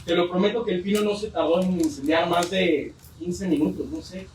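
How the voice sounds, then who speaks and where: A man's voice: high-pitched, moderate pace, darkish tone, slight background noise. A man with a Mexican accent preaching a sermon, telling a story with joking asides. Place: church. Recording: roomy church hall from far off.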